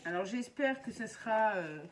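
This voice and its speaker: A woman's voice: on the high side, animated, moderate pace. Woman, casual home vlogger, chatty and hesitant, noisy home recording. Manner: chatty, many hesitations, talks to viewers. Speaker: craft vlogger. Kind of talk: casual unboxing chat.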